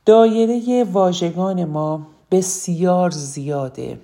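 A woman gives an instructional talk on speaking well, her voice low-pitched and mellow. She talks earnestly, often saying a key phrase twice to drive it home. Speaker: speaking coach.

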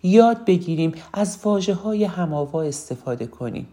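Woman speaking coach, low and mellow, earnest, repeats points for emphasis. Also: expressive. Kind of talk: instructional talk on public speaking.

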